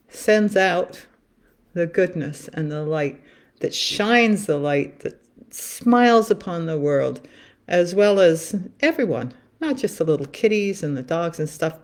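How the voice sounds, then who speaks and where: A woman talking on her own in a loose, earnest way, repeating phrases as she draws cards and muses. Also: lowish voice. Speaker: spiritual card reader. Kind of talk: musing solo livestream talk.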